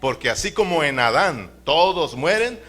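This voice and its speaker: A man's voice: fairly high pitch, very animated, moderate pace, a bit bright. A man preaching a sermon in a church, emphatic, calling his listeners brothers and asking them to repeat after him.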